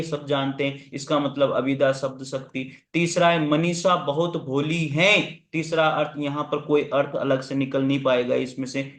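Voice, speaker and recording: A man's voice: on the high side, a bit bright, reverberant. A man teaching an online exam-prep class, asking and answering his own questions and repeating key terms. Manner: urgent, coaxing asides to students.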